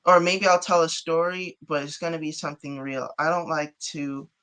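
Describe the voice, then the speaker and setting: A man's voice: fairly high pitch, steady tone, moderate pace, sharp tone, smooth. A man from Chicago, a guest artist and rapper, chatting casually in an interview with frequent giggles.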